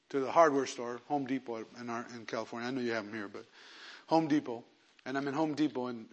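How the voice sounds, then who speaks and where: A male pastor preaching a sermon who tells personal stories, moving between hushed storytelling and loud, emphatic preaching. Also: medium pitch. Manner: acts out quoted voices in his stories.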